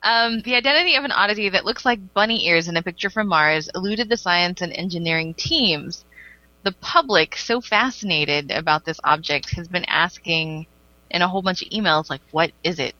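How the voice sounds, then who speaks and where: A woman co-hosts a casual chat podcast with a bright, forward voice. She reads a news item with frequent ums. The sound is dry and a little muffled. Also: fairly low pitch, normal speed, no room sound. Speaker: podcast co-host.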